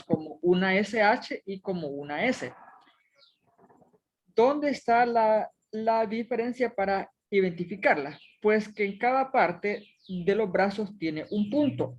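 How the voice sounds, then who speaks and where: A woman's voice: mid-range voice, a little mellow, dull audio. A woman teaching a Hebrew reading lesson, methodically sounding out each syllable step by step.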